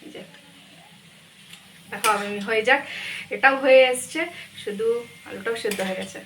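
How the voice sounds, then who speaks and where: A woman's voice: fairly high pitch, normal speed, a bit bright, a little hiss or hum. A woman with a Bengali accent chatting through her day at home as a vlogger, giving running commentary on kitchen chores. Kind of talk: casual home vlog narration.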